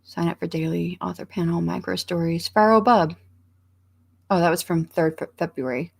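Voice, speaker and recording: Woman host, casual livestream chat, rambling and friendly, slight vocal fry. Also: fairly low pitch, normal speed. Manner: chatty, rambling, many ums and restarts.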